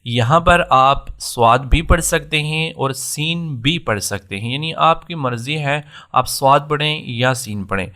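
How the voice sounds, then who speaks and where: A man gives a patient tajweed lesson on Quran recitation. He lays out each rule step by step and circles back to repeat the key points. His voice is bright and forward. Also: medium pitch, few pauses.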